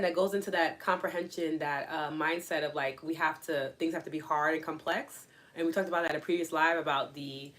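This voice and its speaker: A woman's voice: deep voice, slight background noise. Earnest woman livestreaming to her chat. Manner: earnest, questioning, animated asides. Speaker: livestream host, spiritual coach. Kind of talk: casual livestream talk, reading chat.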